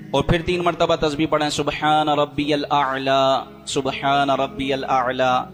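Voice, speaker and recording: Man teaching prayer with slow recitations. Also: on the high side. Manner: demonstrates recitations slowly and deliberately. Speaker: religious teacher. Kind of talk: step-by-step prayer instruction.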